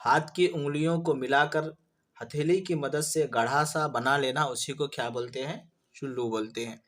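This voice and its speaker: A man's voice: on the high side, a bit bright. A male Urdu teacher explaining vocabulary for an exam. He poses questions and then answers them himself. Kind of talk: vocabulary lesson for exam prep.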